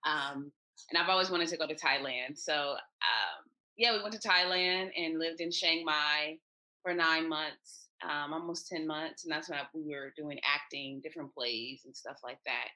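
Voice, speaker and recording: An American woman with a low-sitting voice speaks at a moderate pace in a sharp tone. She's a podcast guest and expat traveler, telling upbeat stories in a casual interview chat over a remote call.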